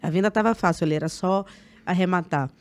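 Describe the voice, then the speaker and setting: A woman with a Brazilian accent hosting a casual podcast, telling stories with lively, acted-out dialogue. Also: fairly low pitch, quick pace. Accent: Brazilian Portuguese. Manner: lively storyteller who acts out quoted dialogue. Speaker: podcast host, lawyer.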